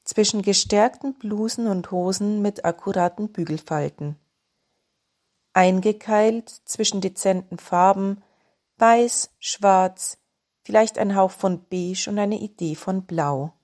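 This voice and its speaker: A woman reads short stories aloud at an unhurried pace. Her delivery is calm and descriptive, lingering on lists of colours and patterns, with a middle pitch. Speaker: narrator. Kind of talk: storybook reading.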